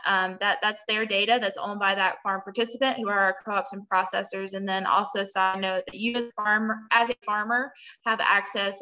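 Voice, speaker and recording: A woman's voice: medium pitch, bright, forceful tone, poor audio. A young woman moderating a webinar Q&A on a video call, friendly, with many "um"s and restarts. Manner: friendly, many "um"s and repeated words. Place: small room. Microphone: built-in mic on a video call.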